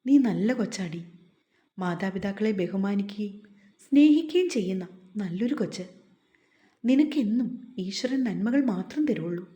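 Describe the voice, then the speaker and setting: A woman's voice: mid-range voice, animated, moderate pace, pauses often, echoey room, pitched below the performer's own voice, natural voice. A woman doing a tender young man. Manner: soft, coaxing and affectionate.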